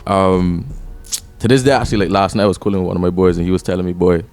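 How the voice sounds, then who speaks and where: A young man in his twenties from Barbados, a rapper and songwriter, chats casually and reflectively as a podcast guest. His voice is low and a little mellow, he talks fast, and faint music plays behind him.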